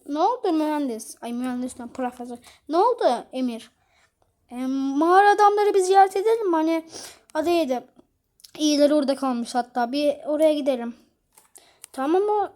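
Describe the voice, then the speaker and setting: A woman, a YouTuber, voicing every character in a homemade episode with casual, playful banter and quick switches between voices. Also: high voice, a little mellow.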